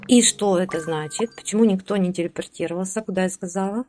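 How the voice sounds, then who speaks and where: A woman's voice: mid-range voice, quick pace, a little mellow, faint music behind. A woman giving casual gameplay commentary, chatting along and ordering her game characters around, with hesitant fillers. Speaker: let's play host.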